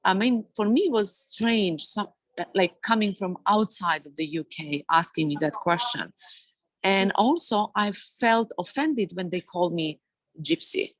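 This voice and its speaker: A woman from Serbia with a Serbian accent, speaking on a webinar panel in a halting way with many fillers and restarts. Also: mid-range voice, animated, no echo. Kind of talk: webinar discussion. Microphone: video call.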